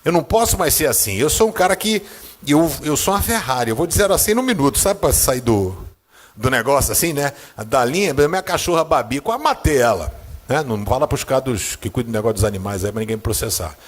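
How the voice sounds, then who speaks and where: A man preaching in a church with a Brazilian Portuguese accent, telling a personal story, acting out the scenes and swinging from a low murmur to high, excited bursts. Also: a little fast. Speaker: pastor.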